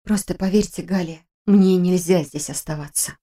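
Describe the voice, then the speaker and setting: A woman's voice: low voice, fairly even intonation, quick pace, gravelly, dark tone, husky, exaggerated voice. A woman voicing a frightened young woman servant who pleads in a tearful voice. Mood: hushed resolve.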